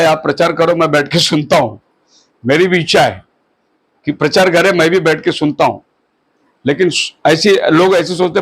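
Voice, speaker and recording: High-voiced pastor in his fifties preaching. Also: husky, rough recording. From India. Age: 50s. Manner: exhorting, mixes English phrases and slows on them. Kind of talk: sermon at a house prayer meeting.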